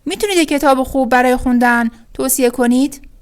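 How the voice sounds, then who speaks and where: Woman teacher running an english phrase lesson, says each line then drags it out slow n careful, kinda high voice. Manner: clear, careful pronunciation, drawing out words on repetition. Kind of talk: language lesson, reading phrases then repeating them slowly.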